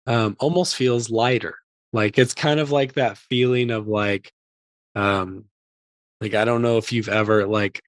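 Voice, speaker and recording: A podcast co-host rambles through casual chat with many fillers, his low-ish voice hoarse, gravelly and cracking after an illness. There is no room sound.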